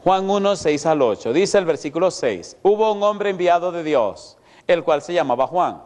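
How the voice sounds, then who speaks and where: Middle-aged man, a pastor with a slightly high voice, preaching to a live crowd in a big hall, telling a story, animated, with sudden loud high bursts and low asides. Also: moderate pace. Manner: animated storytelling, acts out voices and sound effects. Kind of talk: sermon with a lively personal story. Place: large church hall before an audience that laughs.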